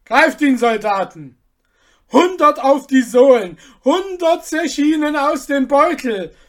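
A woman's voice: high-pitched, expressive, slow, voice pushed up. A woman reading an audiobook and voicing a man, a cruel, imperious emperor giving harsh commands. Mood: furious. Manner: snorting, commanding.

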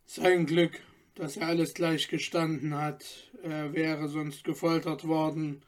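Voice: mid-range voice, little pitch movement, slow pace, close to an everyday voice. A narrator voicing an old jailer with a muffled, subdued voice. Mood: grim. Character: old gloomy male jailer.

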